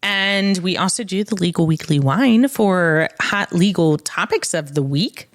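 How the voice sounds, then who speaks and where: A woman with a lowish, expressive voice takes her time as she hosts a legal podcast as a trial attorney. She tells stories casually and conversationally, repeating phrases for emphasis.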